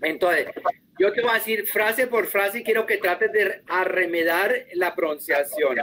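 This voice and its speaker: Guy teaching german online, kinda high voice, patient, repeats stuff slow. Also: pushed and bright. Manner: patient, drills pronunciation slowly. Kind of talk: online class instruction.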